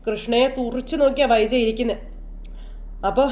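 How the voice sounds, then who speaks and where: Fast-talking woman recapping a serial. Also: on the high side, fairly even intonation, darkish tone. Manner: chatty, tags lines with "you know"; reads characters' quarrels inline. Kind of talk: casual storytelling recap.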